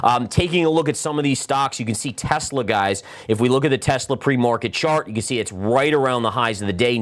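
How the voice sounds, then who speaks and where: Brief: middle-aged male market strategist, mid-pitched voice, chatty chart explainer speaking to viewers. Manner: explanatory, addresses viewers as guys. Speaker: market strategist hosting a live trading show. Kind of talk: live chart walkthrough.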